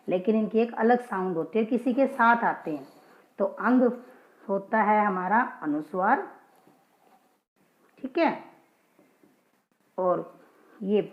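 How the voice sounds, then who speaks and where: A woman teaching Hindi grammar in a casual classroom style, patiently asking questions and answering them herself. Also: mid-range voice. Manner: patient, checks in with listeners, asks and answers her own questions. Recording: dull lo-fi, echoey room.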